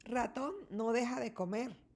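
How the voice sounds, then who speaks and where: A woman reading a children's rhyming picture book aloud with an expressive, rhythmic delivery. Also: a little high, a little slow. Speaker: storybook reader.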